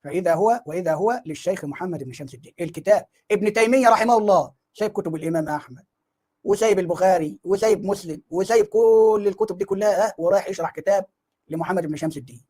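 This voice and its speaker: A man's voice: high-pitched, very fast, mellow. A man with an Egyptian Arabic accent giving mocking online commentary, full of sarcasm and rhetorical questions.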